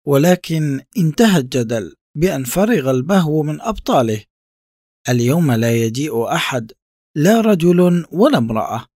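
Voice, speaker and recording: A man reading a reflective first-person literary text in a measured, contemplative way. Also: on the high side, very animated, darkish tone, no echo, studio quality. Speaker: narrator.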